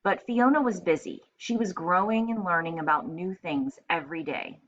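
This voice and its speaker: A teacher reads aloud to children in an expressive, explanatory way, her fairly low voice moving at a normal speed. The recording is slightly muffled with faint noise.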